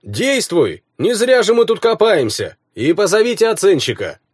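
A man playing a middle-aged baron who gives curt, gruff orders. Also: high-pitched, wildly swooping pitch, moderate pace, no echo, clean studio sound, voice pushed up, full character voice. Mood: commanding. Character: commanding middle-aged male baron, brusque.

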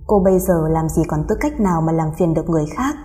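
Warm-voiced woman reading a story. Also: deep voice, fast talker. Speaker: narrator. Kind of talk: audiobook story narration.

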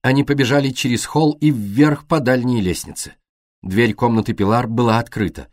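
A man narrating an audiobook in a measured, expressive reading style. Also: mid-range voice, no room sound, studio quality.

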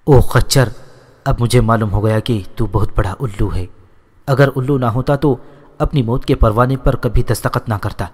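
A man's voice: medium pitch, a little mellow, breathy edge, close to an everyday voice. A man voicing a furious old landlord father. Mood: angry scolding. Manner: scolding, insulting, commanding. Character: stern elderly male feudal landlord, hot-tempered. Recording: long reverb.

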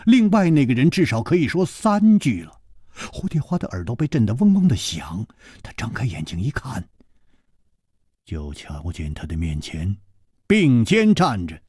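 A male storyteller narrating a martial-arts audiobook theatrically, jumping from loud bursts to hushed whispers. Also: medium pitch, husky, dry recording, clean studio sound.

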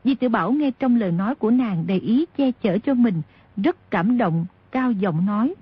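A woman narrating a novel aloud in steady, expressive storytelling. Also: on the high side, normal speed, breathy edge, no echo. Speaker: audiobook narrator. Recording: dull lo-fi audio.

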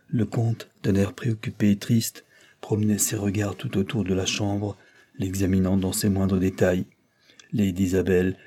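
A man narrating a classic novel as an audiobook in an even, measured way. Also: deep voice. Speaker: audiobook reader. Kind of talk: scripted narration.

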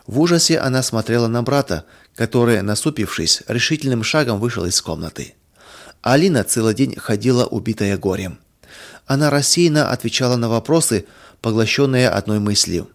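A man narrates a children's storybook in a calm, steady way, reading from a script. His voice sits at an ordinary middle pitch for a man. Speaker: reader of children's stories.

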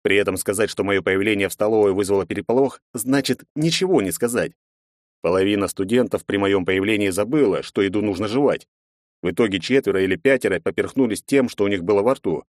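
A man narrating a fantasy audiobook in the first person, measured and reflective. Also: lowish voice, dry recording, studio quality.

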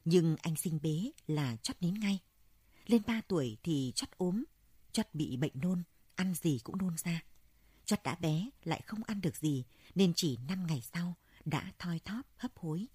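A gentle elderly Buddhist monk speaks slowly and thoughtfully, read by a woman. The voice is low and dark. It is recorded close and dry. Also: animated, breathy edge, no room sound. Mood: sorrowful.

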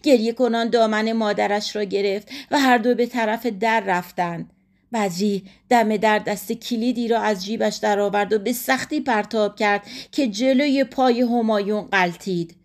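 A woman narrating a classic literary short story in a measured, dramatic way. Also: medium pitch, darkish tone. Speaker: audiobook narrator.

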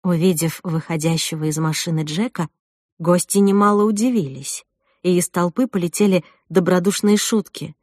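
A woman narrating a first-person audiobook in an expressive way. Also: on the low side, normal speed, no room sound, clean studio sound. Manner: expressive, rising with the drama.

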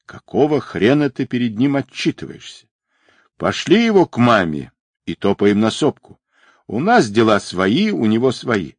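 A hot-tempered bandit with a guttural, scornful bark, as a man voices him in an audiobook. The voice is husky, with wide swings in pitch, and the sound is dry. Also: big pitch swings, normal speed, no room sound.

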